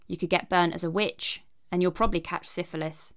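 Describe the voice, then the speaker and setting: A woman's voice: on the low side, fairly even intonation, fairly quick, a bit bright, clear, resonant tone. A woman giving a scripted narration with chatty asides in a wry, cheeky, conversational manner.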